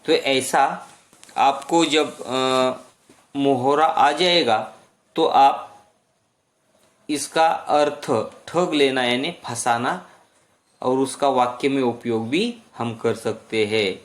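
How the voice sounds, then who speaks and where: A man teaching a story lesson who explains slowly and checks in with "hmm?". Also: medium pitch.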